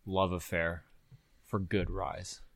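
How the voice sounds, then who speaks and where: A man's voice: low-pitched, little pitch movement, takes it slowly, gravelly, dry recording. A man co-hosting a casual whiskey tasting chat, telling stories with frequent ums. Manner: storytelling, hesitant with ums. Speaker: podcast co-host.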